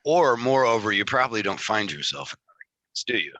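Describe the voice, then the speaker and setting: A man's voice: on the low side, sing-song, a little fast, sharp tone, no echo. A man with a Michigan Great Lakes accent hosting a casual interview in a rambling, self-deprecating way. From Michigan, United States. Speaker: interview host.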